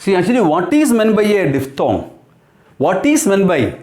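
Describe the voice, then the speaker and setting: A man teaching a class and pronouncing vowel sounds. He repeats words slowly and keeps asking his students questions. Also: sits high, sing-song, a little mellow. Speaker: English teacher. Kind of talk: classroom lesson at a blackboard. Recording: roomy echoing classroom.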